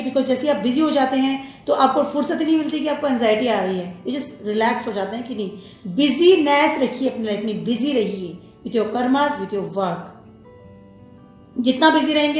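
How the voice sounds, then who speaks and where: A woman's voice: on the high side, fairly quick. A woman giving a pick-a-card tarot reading, switching between Hindi and English and often checking in with the viewer. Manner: mixes Hindi and English, warm advising tone with frequent "okay?" check-ins. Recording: very echoey room with music.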